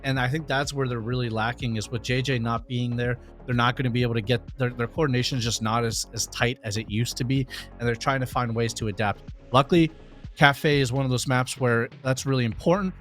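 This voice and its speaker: A male esports analyst with a medium-pitched voice breaks down tactics conversationally. Faint music sits behind him. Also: steady tone, brisk, fairly bright tone.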